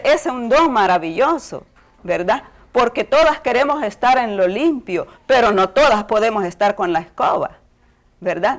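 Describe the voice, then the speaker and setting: A middle-aged woman giving a Bible class talk to women, often tagging her sentences with a questioning "right?". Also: fairly high pitch. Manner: tags phrases with ¿verdad?, addresses hermanas.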